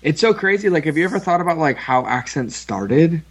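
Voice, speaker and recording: A man chatting casually as a podcast guest, joking and rambling with animated asides. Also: on the high side, fairly quick, slightly rough.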